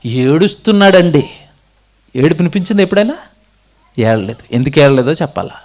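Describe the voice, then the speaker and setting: Give me a man preaching with a lively, swooping voice, quizzing the congregation. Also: a little high, moderate pace. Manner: asks the congregation questions and answers them himself. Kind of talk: sermon.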